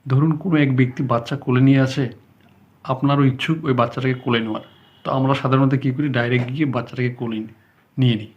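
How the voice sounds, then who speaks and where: A man teaching spoken English, speaking slowly and deliberately, often checking that listeners follow, unscripted and sometimes stumbling, with a Bengali accent. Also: medium pitch, steady tone. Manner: slow, deliberate explaining with frequent checks. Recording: slightly dull sound, faint background music.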